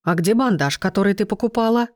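A woman's voice: medium pitch, lively intonation, fast, no echo, clean studio sound, close to an everyday voice. A woman reading the lines of a bossy, shrewd old grandmother in an audiobook. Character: fussy, scolding old grandmother.

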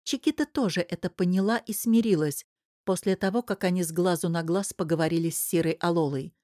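Low-voiced woman narrating an audiobook. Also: no room sound, clean studio sound. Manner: even, measured storytelling. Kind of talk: scripted narration.

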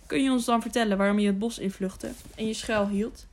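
A woman's voice: a little high, steady tone, a little fast, darkish tone, lightly acted. A woman voicing a young male knight who presses with incredulous questions, in an audiobook reading. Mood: pressing.

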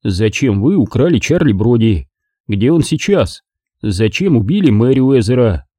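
Male reader as a dark-voiced tough guy, blunt, accusing, lively delivery. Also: medium pitch, moderate pace, dry recording, clean studio sound. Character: dogged male gangster-investigator, blunt and accusing.

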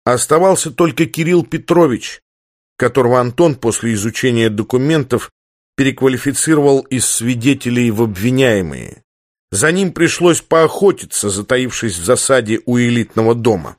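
A man reading a story aloud in a steady, plain narrating voice. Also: medium pitch, moderate pace, dry recording, studio quality. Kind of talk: audiobook narration.

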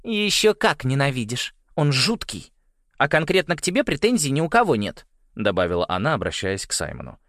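A man's voice: mid-range voice, sing-song, brisk, a bit bright, no echo, studio quality, pitched above the performer's own voice. A man voicing a blunt, scornful noble girl in a storybook. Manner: blunt and contemptuous.

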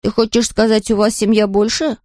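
A woman's voice: medium pitch, little pitch movement, fairly quick, warm tone, no room sound, clean studio sound, lightly acted. A woman reading aloud and voicing a young fox cub boy who is proud and touchy, grumbling as he talks. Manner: gruff grumbling.

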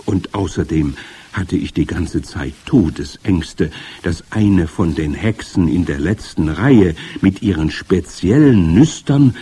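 A man narrating a storybook in the first person, with hushed, tense storytelling. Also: deep voice, lively intonation, takes it slowly, slightly rough.

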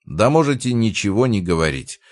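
A man voicing a gruff, exasperated father. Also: on the low side, very animated, brisk, no room sound, studio quality, pitched above the performer's own voice. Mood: grumbling. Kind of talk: audiobook character reading.

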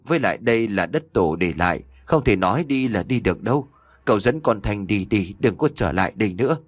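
A man reading as a desperate old father in his sixties or older, low voice that swings from begging to yelling, dry close sound. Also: expressive, brisk, no echo. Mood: firm. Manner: pleading then shouting, emotional.

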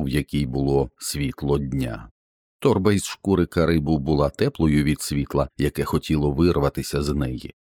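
A man reading an audiobook in measured storytelling narration. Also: very deep voice, a little mellow, no echo, clean studio sound.

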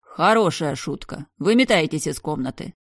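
Woman doing a cold, mocking storybook bad boy, calm and threatening, close dry sound. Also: deep voice, no room sound. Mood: cold menace. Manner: calm, threatening, measured delivery. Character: commanding, menacing man, cold and mocking.

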